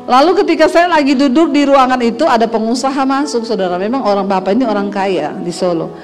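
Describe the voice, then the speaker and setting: A woman's voice: fairly high pitch, fast, soft background music. A middle-aged woman pastor preaching a sermon, telling a personal story with humor. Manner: lively storytelling that acts out dialogue with humor.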